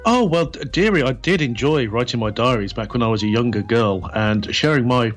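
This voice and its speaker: A man's voice: expressive, fairly quick, soft background music, natural voice. A man voicing a cheeky, chatty old lady who plays agony aunt on a radio show. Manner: falsetto granny voice, rambling.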